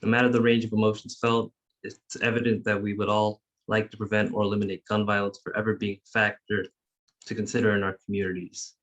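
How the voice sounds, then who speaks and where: A man facilitating an online youth meeting, speaking in a measured, formal way as he reads prepared remarks over a video call. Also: fairly low pitch, level tone, fairly bright tone, lo-fi sound.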